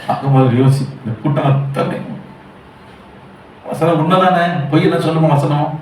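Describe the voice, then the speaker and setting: Pleading pastor in an echoey hall. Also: male voice, fairly high pitch, moderate pace, darkish tone, recorded from a distance. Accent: Tamil Nadu Tamil. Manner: repeats rhetorical questions, urgent and pleading. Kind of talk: sermon. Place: church hall. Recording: echoey church hall from afar with faint hum.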